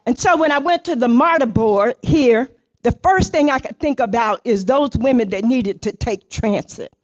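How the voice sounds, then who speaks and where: A woman's voice: fairly high pitch, normal speed, a little mellow. An older woman accepting an award, speaking off the cuff with emotion and building to rousing emphasis. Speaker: award honoree giving acceptance speech. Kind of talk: heartfelt acceptance speech. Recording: dull, muffled recording.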